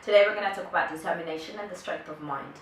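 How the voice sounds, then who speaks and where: A woman vlogger gives an earnest motivational talk to the camera, thinking aloud and restarting as she goes. Her fairly low voice races along. The room is echoey, she sits far from the mic, and there's faint noise.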